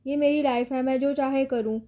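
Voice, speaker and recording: A woman's voice: sits high, steady tone, muffled recording, natural voice. A woman reading a stubborn wounded husband. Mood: defiant. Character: stubborn wounded young husband, proud and curt.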